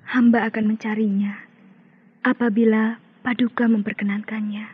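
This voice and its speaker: An actress voicing a devoted, anxious young palace maidservant in an old radio drama, speaking with humble, pleading deference. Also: female voice, fairly high pitch, little pitch movement, moderate pace, breathy edge. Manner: pleading, deferential court speech. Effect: old radio show sound. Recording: muffled old radio play with music.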